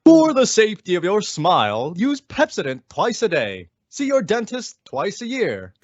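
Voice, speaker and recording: Man acting a polished vintage radio pitchman, animated, upbeat, slightly high, lo-fi sound. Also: normal speed, no room sound, exaggerated voice. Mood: upbeat, formal. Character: polished, upbeat sponsor announcer of 1940s radio. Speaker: radio announcer. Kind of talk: 1940s radio announcing.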